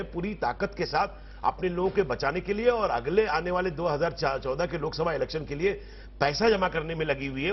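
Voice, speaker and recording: Man, political panelist, fairly high voice, forceful rhetorical delivery, slightly muffled TV audio. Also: slightly rough. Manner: forceful, long rhetorical sentences. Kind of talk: televised debate argument. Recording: slightly dull TV broadcast audio.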